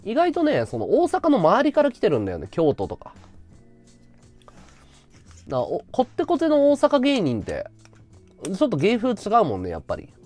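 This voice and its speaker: A man's voice: high-pitched, wildly swooping pitch, moderate pace, pauses often, a little mellow, faint music behind. A man hosting a casual livestream chat, talking freely and thanking viewers for gifts. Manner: chatty, reacts to viewer gifts. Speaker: livestream host.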